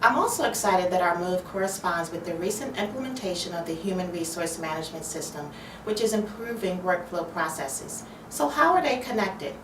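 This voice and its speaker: A woman's voice: on the low side, expressive, a little fast. A woman from human resources speaking in a fluent, polished way in a corporate video interview. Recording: roomy, distant mic, background noise.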